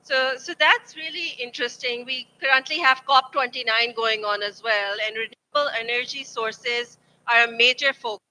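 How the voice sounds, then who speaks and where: A woman's voice: fairly high pitch, normal speed, bright, forceful tone, poor audio. A woman moderating a panel discussion, poised and articulate.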